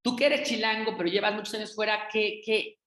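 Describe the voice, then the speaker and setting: A woman's voice: medium pitch, a little fast, fairly bright tone, roomy sound. A woman with a Mexico City accent, a guest linguist explaining her points at length in a casual panel discussion. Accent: Mexico City Spanish.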